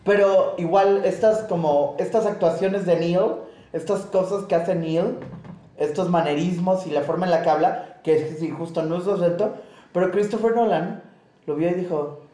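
A man's voice: high-pitched, normal speed. Slangy Mexican man, echoey room. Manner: animated, slangy, acts out quotes. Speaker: podcast co-host. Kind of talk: casual film chat.

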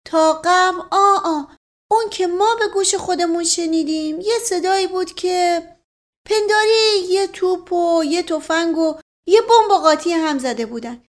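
A woman's voice: extremely high pitch, voice pushed up. A woman voicing a folksy old male servant who drags out his words as he rambles, reading a storybook aloud. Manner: drawn-out folksy speech.

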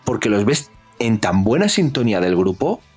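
A man, co-hosting a casual film review podcast, retelling scenes with animated bits of dialogue. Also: normal speed, breathy edge, faint music behind. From Spain. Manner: animated, acts out film dialogue in raised pitch. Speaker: podcast co-host.

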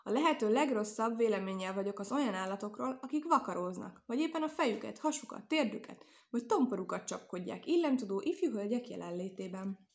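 A woman's voice: medium pitch, lively intonation, gravelly. A woman reading aloud and voicing a sly, well-mannered male rabbit with a polite, playful manner.

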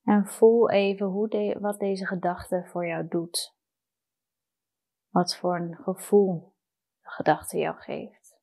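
A woman guiding a meditation in a soft, soothing, unhurried manner with long pauses. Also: mid-range voice, little pitch movement. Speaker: meditation guide. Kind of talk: guided meditation.

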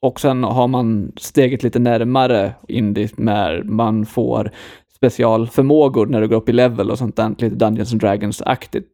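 A man's voice: mid-range voice, creaky, dark tone, no room sound, studio quality. A man co-hosting a casual podcast, explaining things in long, winding sentences. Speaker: podcast co-host.

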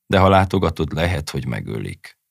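A man's voice: very deep voice, very animated, gravelly, husky, dry recording, clean studio sound, heavily acted. A man voicing a greedy, gloomy male priest in an audiobook story, haggling and dour.

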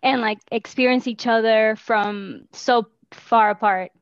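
A woman's voice: on the high side, steady tone, measured pace, no room sound, lo-fi sound. A Spanish-native woman from Peru, a guest in an interview, speaking earnestly and reflectively over a video call with many "like" fillers. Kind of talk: casual interview talk.

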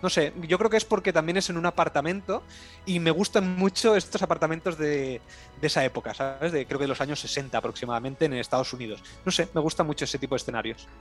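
A man chats on a casual film podcast in a fairly high voice. He talks hesitantly, as if thinking aloud, with soft music faintly behind him. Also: fast. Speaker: podcast co-host.

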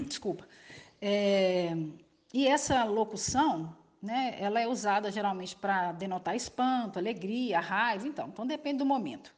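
A woman's voice: medium pitch, animated, normal speed, a little mellow. A middle-aged woman with a Belo Horizonte accent, a linguistics professor explaining a point in an interview, didactic and often checking in with tag questions. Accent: Belo Horizonte Brazilian Portuguese. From Belo Horizonte, Brazil. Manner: didactic, frequent "né?" tags, self-correcting.

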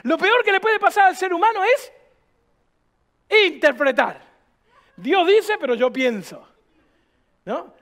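Pastor guy preaching in church, really high voice, punchy rhetorical questions. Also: big pitch swings, takes it slowly, pauses often, fairly bright tone. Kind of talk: sermon.

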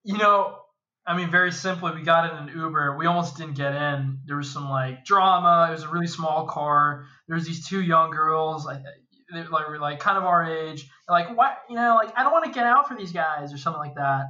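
A young man telling a rambling, animated story during a casual podcast chat. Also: on the high side, normal speed, muffled recording.

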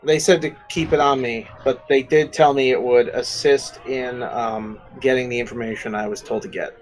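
A man's voice: mid-range voice, steady tone, moderate pace, natural voice. A man doing a jittery captured informant. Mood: nervous. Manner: stammering, anxious, pleading. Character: nervous captured male informant, eager to please.

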